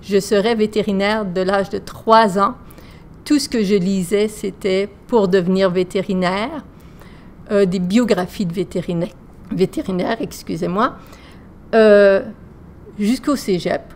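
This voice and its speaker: A woman's voice: medium pitch, measured pace, darkish tone, a little hiss or hum. A woman teacher with a Québécois accent, telling self-deprecating, humorous anecdotes in a casual podcast.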